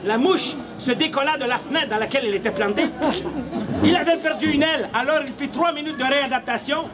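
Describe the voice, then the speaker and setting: Against a stone wall in the street, a middle-aged man performs as a puppeteer, telling a comic story with mock drama, playful asides and theatrical projection in a very high-pitched, brisk voice. The outdoor camera, set a few metres off, captures loud crowd noise and laughter.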